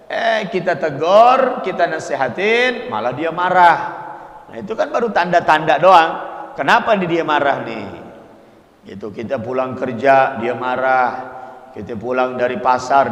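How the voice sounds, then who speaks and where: Higher-voiced preacher man in echoey mosque. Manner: casual, lively preaching mixing in Arabic quotes. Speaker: religious teacher. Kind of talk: mosque study-circle sermon. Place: mosque hall. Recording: echoey mosque hall with long reverb.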